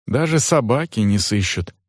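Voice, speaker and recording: A man's voice: fairly low pitch, lively intonation, normal speed, slightly rough, dry recording, clean studio sound, pitched above the performer's own voice. A man voicing a simple, chatty peasant servant who talks in a folksy, rambling singsong. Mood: gossipy. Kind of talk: audiobook character voice.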